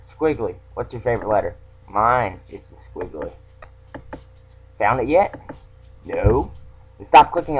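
A man casually playing a game and reading its text aloud in a playful, teasing way. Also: medium pitch. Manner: playful, teasing read-aloud with mock-sinister touches. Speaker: let's play gamer. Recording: dull lo-fi home recording.

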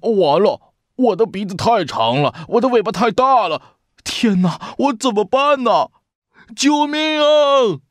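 A man's voice: mid-range voice, big pitch swings, normal speed, no room sound, clean studio sound. Male reader doing a cocky, scolding cartoonish big-brother anteater, storybook read-aloud. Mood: panicked. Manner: impatient, scolding. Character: boastful bossy young anteater big brother.

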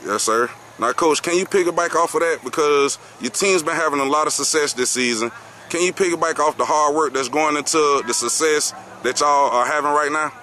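A man's voice: a little high, fairly quick, pushed and bright, a little hiss or hum. A man interviewing a football coach and players outdoors, formal and saying "yes, sir" after each answer. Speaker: sports interviewer. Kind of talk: postgame interview questions. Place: outdoor football field at night.

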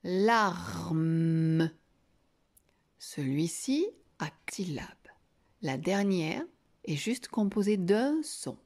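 A woman teacher giving a reading lesson to young children, slowly sounding out syllables and words. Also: mid-range voice, big pitch swings, warm tone. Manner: slow, drawn-out sounding of syllables.

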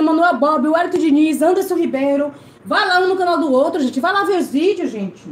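A woman from Brazil hosting a casual live stream from home, chatting with viewers and greeting them by name while she cleans. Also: high voice. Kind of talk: casual live-stream chat reading comments. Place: home service area. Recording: echoey room with faint noise.

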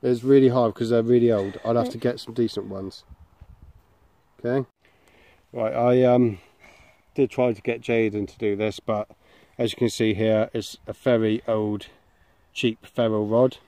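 In this outdoor vlog, a young Englishman who does bushcraft walks through the woods and camps on grassy ground with his son, filming on a handheld camera. He talks casually, his warm, medium-pitched voice steady and a little slow with long pauses.

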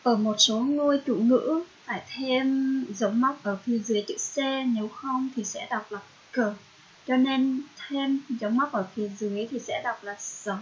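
A woman's voice: fairly high pitch, fairly even intonation, normal speed. A woman with a Vietnamese accent teaching a French lesson, patiently spelling out verb endings letter by letter. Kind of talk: slow explanatory lesson. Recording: dull lo-fi voice recording.

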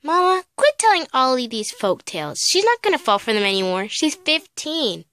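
A woman's voice: sits high, very animated, moderate pace, fairly bright tone. A woman voicing a skeptical young man with a dismissive, sarcastic manner. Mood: scoffing.

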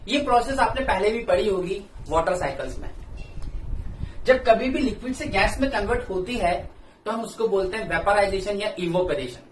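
A male teacher with an Indian English accent giving a classroom lecture, explaining slowly and repeating key terms for notes. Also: sits high, echoey room, recorded from a distance, a little hiss or hum, low-quality recording.

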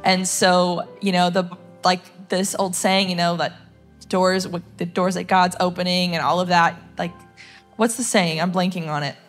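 A woman's voice: lowish voice, flat delivery, normal speed, faint music behind. A young adult woman and singer sharing a personal testimony in church in a chatty, conversational way with lots of fillers.

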